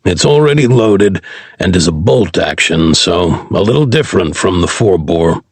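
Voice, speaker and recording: Male narrator voicing a gruff aging soldier in a sci-fi audiobook, sarcastic grumbler, husky. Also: sits low, animated, normal speed, dry recording, exaggerated voice.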